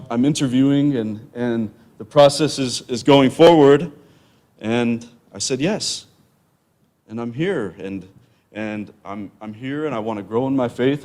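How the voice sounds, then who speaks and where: Earnest man sharing his testimony. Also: medium pitch. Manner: earnest, halting, repeats words. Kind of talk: personal testimony.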